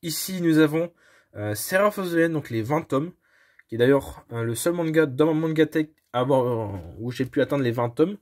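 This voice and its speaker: A man's voice: fairly high pitch, moderate pace. A man giving a casual home video tour of his shelves, filming on a phone held at arm's length, talking hesitantly with many fillers and restarts and apologetic asides. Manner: self-deprecating, apologetic asides. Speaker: vlogger showing his manga collection.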